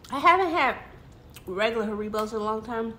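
A woman's voice: fairly high pitch, animated, a little fast, sharp tone, reverberant. A woman co-hosting a casual taste-test video, talking with her mouth full of candy in short murmured reactions. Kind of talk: casual chat while tasting candy. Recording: noisy, with wrapper crinkling.

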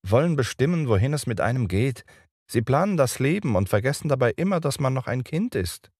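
A man's voice: medium pitch, sing-song, brisk, a little mellow, slightly rough, dry recording, clean studio sound, voice pushed up. A man voicing Peter, a cocky, bossy boy, in a raised boyish voice in an audiobook. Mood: scornful.

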